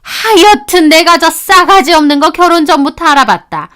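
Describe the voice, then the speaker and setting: Brief: woman as a contemptuous, domineering older mother-in-law in a radio story, very high and sharp. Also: moderate pace. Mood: scolding. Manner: scolding, contemptuous.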